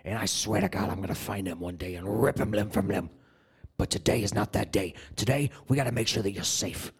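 A man's voice: lowish voice, fairly quick, husky. A man co-hosting a podcast, doing an improvised comedy bit with rambling, mock-menacing tough-guy talk. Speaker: podcast co-host.

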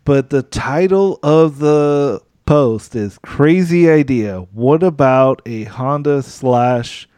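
A man hosting a casual podcast chat in a relaxed way, often laughing along with his guest. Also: medium pitch, smooth, dry recording. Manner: relaxed, frequent backchannel and laughter. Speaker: podcast host.

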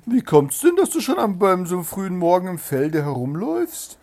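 A man voicing a haughty, mocking hare who thinks himself a fine gentleman, in a storybook reading. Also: wildly swooping pitch, moderate pace, breathy edge, full character voice. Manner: sneering, shrill and loud.

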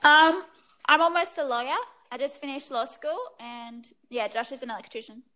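A woman's voice: high voice, moderate pace, pushed and bright. A woman in her twenties with a Sydney Australian accent, chatting casually and explaining things. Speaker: guest, recent law graduate. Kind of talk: casual chat.

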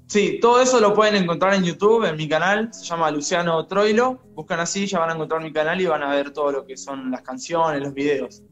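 A young man speaks in a voice a little higher than most men's. He sounds shy but friendly and earnest as he chats casually about his music. Soft music plays faintly behind him. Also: fairly quick, hardly any pauses, lo-fi sound. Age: young adult. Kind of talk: casual interview chat.

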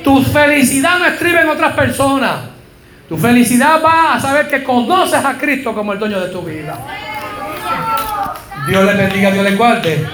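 A man preaching a fervent sermon as pastor, telling stories of congregants and building up to shouts. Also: very high voice, moderate pace, roomy sound, slight background noise, rough recording. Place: church.

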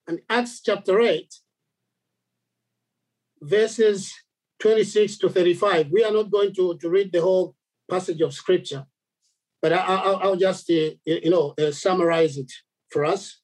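Halting Zambian man preaching. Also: sits high, a little mellow, poor audio. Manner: halting, many repeated words and fillers. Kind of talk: sermon.

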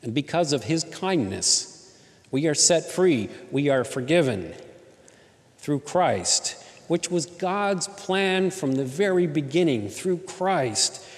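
A man's voice: on the high side, very animated, takes it slowly, in a large hall. A man preaching a sermon as pastor, in a conversational way, often asking the congregation rhetorical questions. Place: church in Southern California.

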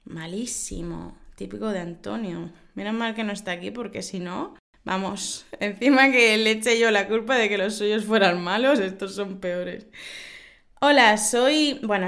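Giggly teacher woman telling jokes. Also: a bit bright. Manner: giggly, laughs at her own jokes; acts out joke voices with big pitch jumps. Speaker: Spanish teacher and podcast host. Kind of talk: podcast lesson telling and explaining jokes.

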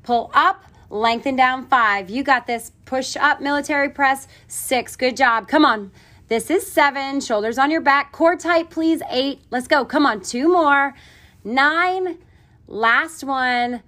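A woman's voice: high voice, slow, sharp tone. A woman leading a workout as an aerobics instructor, calling counts and form cues with commanding, encouraging short phrases. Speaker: group fitness class instructor.

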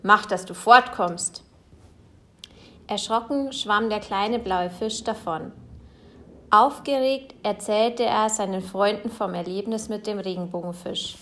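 A woman reading a children's picture book aloud in a slow, expressive way. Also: medium pitch. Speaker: storyteller.

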